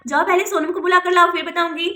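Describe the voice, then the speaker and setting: A woman's voice: very high-pitched, steady tone, fast talker, bright, forceful tone, echoey room. A woman voicing a kind motherly aunt doll in a doll cartoon, talking in a soothing, coaxing way.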